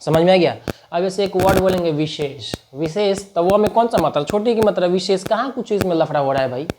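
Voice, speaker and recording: A man teaching a spoken lesson, chatty, often checking whether learners follow and repeating example words slowly to show their sounds. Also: high-pitched, noisy background. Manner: chatty, keeps asking learners if they understand. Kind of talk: spoken Hindi writing lesson.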